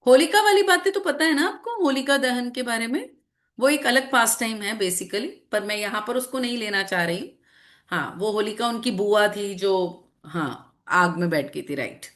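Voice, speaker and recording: An animated woman teacher tells a scripture story to children over an online class. Her voice is bright and fairly high, and it leaps around a lot as she repeats phrases and checks that they follow. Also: normal speed. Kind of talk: storytelling lesson to children with slides.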